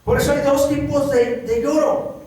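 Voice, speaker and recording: A high-pitched preacher with a Mexican Spanish accent delivers a sermon in a repetitive, emphatic cadence. The voice rings through a very echoey church hall. It is picked up from a mic some distance away. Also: fairly even intonation, moderate pace, mellow.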